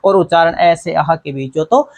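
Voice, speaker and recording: A man's voice: fairly high pitch, normal speed, creaky. Male grammar teacher, explaining step by step, repeating himself and checking in with the class. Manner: explains step by step, repeats key points, often asks "theek hai na". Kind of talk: classroom-style grammar lesson.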